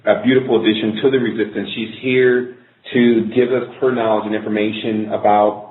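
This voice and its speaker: A low-voiced man hosts a live internet radio show from an office in a corporate building. He rambles loosely as he works through technical hitches. The sound is tinny like a phone line and echoes around the room. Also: flat delivery, brisk. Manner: loose, rambling, fixes technical issues on air.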